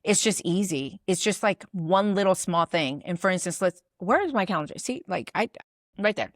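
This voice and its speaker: Low-voiced woman coaching in a dry room. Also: expressive, moderate pace, dry recording. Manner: chatty, loose, fills with "like"; acts out sample messages. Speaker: business coach. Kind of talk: casual teaching to camera.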